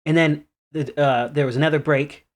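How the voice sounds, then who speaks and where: A man co-hosting a podcast in casual chat, laughing often while giving relaxed opinions. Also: a little high, moderate pace. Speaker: podcast co-host.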